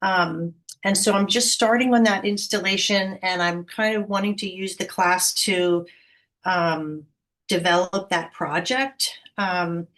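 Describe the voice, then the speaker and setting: Woman painter on a video call, talks real slow, lots of stops and ums. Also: on the low side, fairly even intonation, a bit bright. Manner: halting, many fillers and restarts. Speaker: painter and class participant. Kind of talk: casual introduction on a video call.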